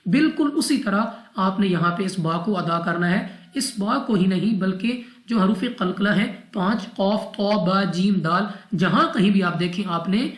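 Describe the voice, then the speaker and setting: A woman's voice: medium pitch, measured pace. A woman from Pakistan teaching Quran recitation rules, methodically repeating each rule step by step. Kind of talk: tajweed lesson explanation. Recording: roomy echo.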